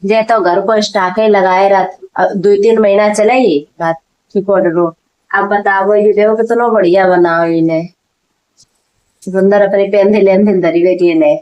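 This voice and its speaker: A woman's voice: medium pitch, darkish tone. Chatty woman showing her craft. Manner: chatty, talks straight to viewers; speaks up over a running machine. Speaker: vlogger. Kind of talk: casual how-to vlog.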